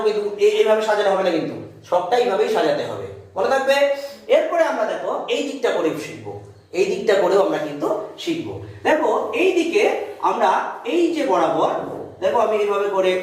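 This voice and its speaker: A man teaching a lesson, asking his students questions, answering them himself and repeating points as a drill. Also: high-pitched. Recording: very echoey room.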